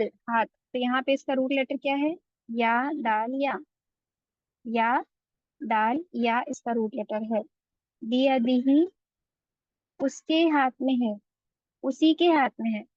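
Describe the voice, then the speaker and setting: A woman's voice: high-pitched, dry recording, muffled recording. A woman teaching a Quran recitation lesson, explaining patiently and drawing out the recited words. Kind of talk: online tajweed lesson.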